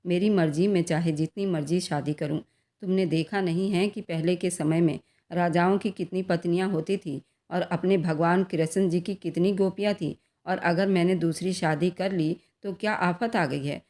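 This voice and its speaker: A woman voicing a calm, stern middle-aged husband who speaks unhurriedly, in a storybook reading. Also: lowish voice, natural voice. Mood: firm. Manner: calm and unhurried even when threatening.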